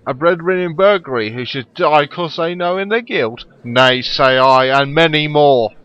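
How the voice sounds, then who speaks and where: A man putting on a loud, blustering old-timey thief. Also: a little high, animated, moderate pace, no room sound, muffled recording, pitched above the performer's own voice. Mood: indignant. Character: gruff loyal old-fashioned male thief, indignant.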